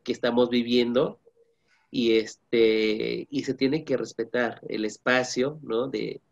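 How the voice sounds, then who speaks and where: A man, a parent and guest, speaking in a measured, reflective way and often ending with a tag question. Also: medium pitch, steady tone, gravelly, muffled recording. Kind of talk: casual panel chat.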